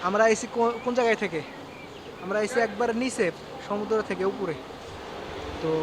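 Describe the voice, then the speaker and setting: Young bangladeshi guy vlogging outside, fairly high voice, lots of noise around, keeps saying guys. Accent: Bangladeshi Bengali. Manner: chatty, repetitive, keeps addressing viewers as guys. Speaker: travel vlogger. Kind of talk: casual travel vlog narration. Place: outdoors on a hilltop site, in the rain. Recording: noisy outdoor phone recording.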